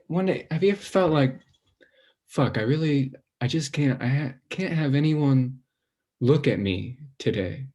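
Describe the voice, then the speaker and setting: A man playing a halting, ashamed young man. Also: mid-range voice, breathy edge. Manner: halting, rambling, trails off into quiet self-doubt. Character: anxious, self-conscious young man, recently fired. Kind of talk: stage play acting.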